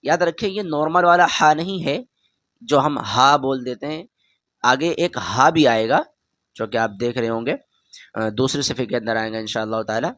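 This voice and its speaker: Male Quran teacher, patient and direct, drawn-out letter demos, dry close recording. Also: mid-range voice, dry recording. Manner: patient, repeats each letter loudly and drawn out; talks straight to the learner, asks them to repeat. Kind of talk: beginner Arabic letter lesson.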